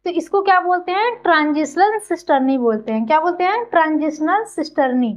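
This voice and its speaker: Very high-voiced woman teaching biology. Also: expressive, fairly quick, low-quality recording. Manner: keeps asking and answering her own questions; explains with everyday comparisons. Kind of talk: explanatory classroom lecture.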